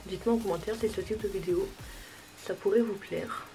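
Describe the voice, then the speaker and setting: A woman's voice: mid-range voice, steady tone, a little fast, warm tone, slight background noise, poor audio. A young woman chatting casually through a makeup tutorial, self-deprecating and talking while she applies products. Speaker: beauty vlogger.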